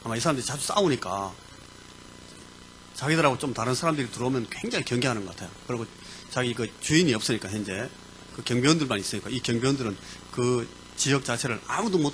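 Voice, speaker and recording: Male pastor, mid-pitched voice, animated sermon storyteller over faint hiss. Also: rough recording. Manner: animated storyteller, vivid sound words. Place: church.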